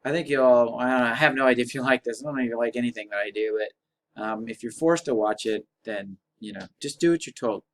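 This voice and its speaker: A male math teacher talks through an algebra lesson at a whiteboard, wisecracking and poking fun at himself. He slows right down to stretch out key terms, in a mid-range voice. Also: medium pitch. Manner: jokey, self-deprecating, drags out key words. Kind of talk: recorded classroom lesson. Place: room with a whiteboard.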